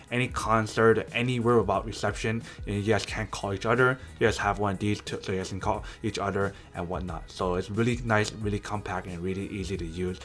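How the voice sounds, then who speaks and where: In a fairly low, fairly bright voice, a man unboxes a gadget and reviews it in a relaxed, talkative way. He addresses viewers directly, repeatedly saying "you guys."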